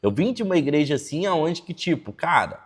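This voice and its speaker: A man's voice: on the high side, sing-song, a little fast, husky. A man preaching a casual sermon in conversational, slangy talk with many fillers, acting out quoted church members in mocking voices. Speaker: pastor. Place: church service.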